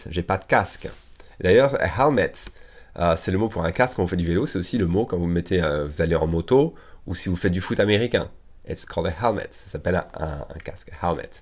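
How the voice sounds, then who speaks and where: A man teaching English to French speakers, slowing right down for the English examples and talking quickly when he explains in French, with an American accent in his English. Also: low-pitched. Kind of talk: online language lesson.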